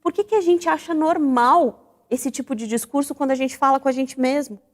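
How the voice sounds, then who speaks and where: Female talk-show host, high-pitched, reflective and questioning, long room reverb. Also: fairly quick. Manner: reflective, animated, asks the audience questions.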